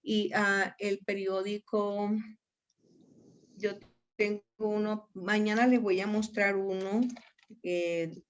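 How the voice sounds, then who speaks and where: A woman's voice: mid-range voice, level tone, slow, pauses often. A woman with a Colombian accent, a law professor giving an online lecture, addressing her students directly and often repeating herself. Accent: Colombian Spanish. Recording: dull lo-fi audio.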